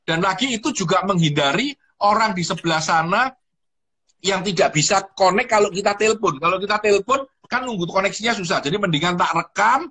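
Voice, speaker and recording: A man hosting an online live chat about workplace communication, explaining with relaxed anecdotes and acted-out little dialogues. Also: high voice, a little fast, slightly rough. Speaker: host. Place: online video call.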